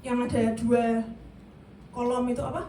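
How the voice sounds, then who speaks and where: On the high side and at normal speed, a youth service speaker delivers an interactive sermon, energetically quizzing her listeners and dropping in English. She's far from the mic in an echoey church meeting room, with faint hiss audible.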